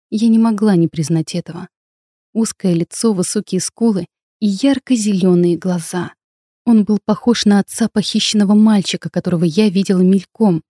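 A woman narrating a fantasy novel in the first person, in a measured, expressive storytelling voice. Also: mid-range voice, husky, no room sound, clean studio sound. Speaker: audiobook narrator.

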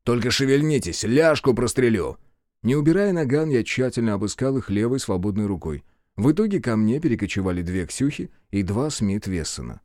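Expressive male audiobook narrator. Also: lowish voice, fairly quick, no echo, studio quality. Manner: expressive first-person storytelling, hero's lines tough and commanding. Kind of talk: scripted narration.

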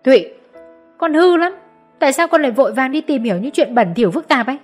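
A woman's voice: high-pitched, expressive, very fast, breathy edge, pitched above the performer's own voice. A woman voicing a stern but loving middle-aged mother in an audiobook, scolding at times and coaxing at others, over faint music. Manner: scolding, then soft and coaxing. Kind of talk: audiobook character voice.

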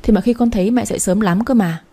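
A woman's voice: medium pitch, fast talker, mellow, husky. A woman reading a flustered young sister-in-law.

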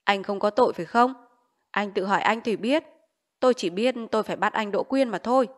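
A harsh old village official barks curt orders in an audiobook, voiced by a woman narrator. His words come short and loud, and he leaves no room for argument. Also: medium pitch, brisk, close to an everyday voice. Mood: stern. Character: stern old male village official, commanding. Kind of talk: audiobook character voice.

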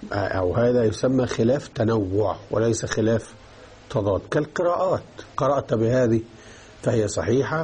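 Husky man teaching a lesson. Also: medium pitch, warm tone. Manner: explanatory, checks understanding with repeated questions. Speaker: teacher of Islamic jurisprudence. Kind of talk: religious lesson explaining a text.

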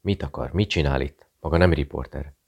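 A man puts on a frightened barkeeper in an audiobook, a Serbian man who speaks in short broken phrases. He keeps his voice hushed and guarded. The voice sits very low with a gravelly edge. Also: exaggerated voice. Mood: fearful. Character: Serbian male barkeeper, nervous, secretive, broken speech.

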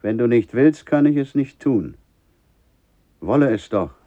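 An actor playing a solemn old father who leads his son to a sacrifice, speaking gravely and insistently in a radio play. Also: mid-range voice, lively intonation, measured pace, mellow, dull audio, lightly acted. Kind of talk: vintage radio play acting.

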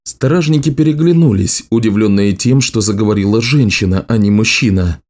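A man's voice: fairly low pitch, normal speed, a little mellow. A man steadily reading a fantasy novel aloud as the audiobook narrator.

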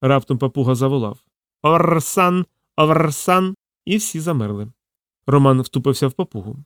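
A man's voice: mid-range voice, expressive, fast, a little mellow, no room sound. Man reading an audiobook, dry sound. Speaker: narrator. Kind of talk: audiobook narration.

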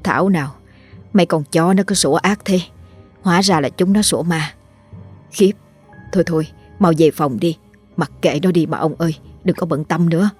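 A woman's voice: on the low side, moderate pace, darkish tone, husky, faint music behind. A woman voicing a fussy, scolding middle-aged village wife. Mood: fretful. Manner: scolding, stammers when scared.

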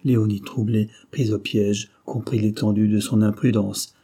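A male narrator reads a classic novel in a low, husky voice. His tone is dark and mellow, and the delivery stays measured and even. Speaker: audiobook narrator. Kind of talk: scripted narration.

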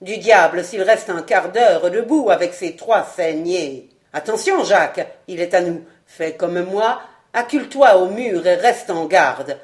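A woman's voice: on the low side, a little slow, close to an everyday voice. A woman voicing a cruel, ironic male ex-acrobat who mocks his dying foe, in a storybook reading. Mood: cold. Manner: ironic, sneering.

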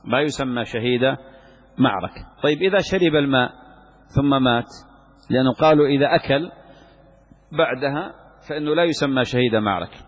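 A breathy, medium-pitched sheikh speaks briskly but pauses often while teaching from an Islamic legal text. He repeats key phrases for emphasis and answers his own questions, and the audio is muffled and lo-fi, recorded in an echoing hall.

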